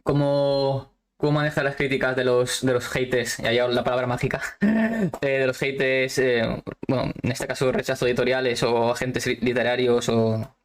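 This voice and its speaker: A woman's voice: a bass voice, moderate pace. A woman hosting an interview over a video call, talking in a friendly, chatty way. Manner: friendly, chatty, affirming often. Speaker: interviewer host. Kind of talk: casual interview chat.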